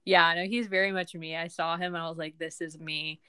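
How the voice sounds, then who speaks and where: A young woman co-hosting a podcast, chatting casually and rambling with many pauses and fillers. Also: on the low side, steady tone, sharp tone, clear, resonant tone, dry recording, clean studio sound. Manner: rambling, lots of ums and likes. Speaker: podcast co-host. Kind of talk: casual chat.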